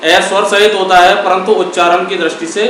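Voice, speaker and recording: A man teaching a grammar lesson, asking questions and answering them himself, repeating key words and sounding out syllables slowly. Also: high voice, level tone, a bit bright, very echoey, distant mic, a little hiss or hum, poor audio. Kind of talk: classroom lesson.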